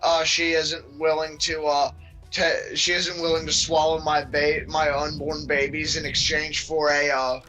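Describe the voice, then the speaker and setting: A man joking crudely in a casual podcast chat, halting over his words. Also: a little high, flat delivery, bright, forceful tone, soft background music, poor audio.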